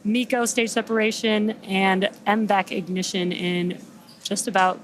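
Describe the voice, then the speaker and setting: A woman's voice: mid-range voice, fairly even intonation, unhurried, slight background noise. A woman hosting live launch commentary, explaining each step in an upbeat manner. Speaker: launch webcast host.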